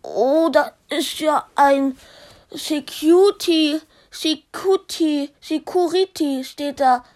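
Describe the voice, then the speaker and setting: A woman's voice: high-pitched, slow, darkish tone. A woman voicing a chatty, curious schoolkid character in a fan story.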